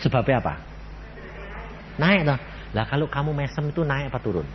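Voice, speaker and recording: A man's voice: medium pitch, lively intonation, fairly quick, dull audio, a little hiss or hum. A man, preaching a sermon and firing rhetorical questions at the congregation. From Central Java, Indonesia. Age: 80s. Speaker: evangelist preacher.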